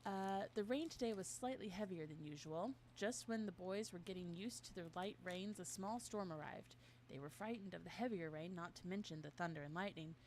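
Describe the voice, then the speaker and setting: A woman's voice: on the low side, moderate pace, a little mellow, a little hiss or hum. A woman reading an in-game journal aloud in a mock-formal way during a casual game stream with a friend. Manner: reads text aloud with mock-formal delivery, breaks into laughs and chat. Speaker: co-host playing a game.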